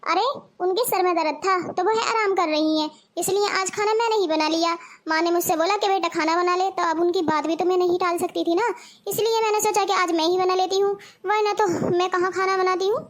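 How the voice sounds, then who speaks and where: A woman's voice: very high-pitched, steady tone, brisk. A woman voicing a spoiled, bossy young married daughter in a cartoon. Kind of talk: cartoon voice acting.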